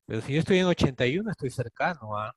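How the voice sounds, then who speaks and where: A man with a Peruvian Spanish accent teaches a clinical case, thinking aloud and quizzing his students as he goes. His pitch sits in the middle range, and the sound is close and dry. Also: lively intonation, fast talker, no echo. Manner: explains step by step, often asks students questions with a rhetorical "¿no?". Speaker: attending physician teaching a case discussion.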